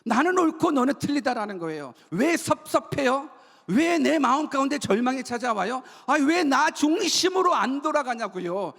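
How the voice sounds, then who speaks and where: Man, pastor, sermon, very high voice, rhetorical questions, long church-hall echo. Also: big pitch swings, normal speed, creaky, a bit bright. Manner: asks the congregation many rhetorical questions; leads call-and-response repetition. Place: church sanctuary.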